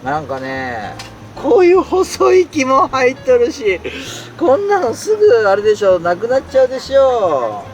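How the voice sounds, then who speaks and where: A solo camping streamer sits inside his tent while it rains, chatting casually on a live stream and answering viewer comments in an exclamatory way. His voice is extremely high with huge pitch swings, he talks a little slowly, and faint music plays behind him.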